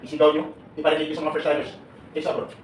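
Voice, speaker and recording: A man from the Philippines giving a lively talk to a seminar audience of departing overseas workers. He quizzes the crowd, laughs often and mixes English into his Filipino. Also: on the high side, very fast. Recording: echoey room, distant and noisy.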